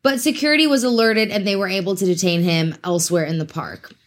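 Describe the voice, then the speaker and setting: A woman's voice: medium pitch, fast. A woman from Africa, hosting a casual true crime podcast in a chatty, giggly way with teasing asides. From South Africa. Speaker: podcast host.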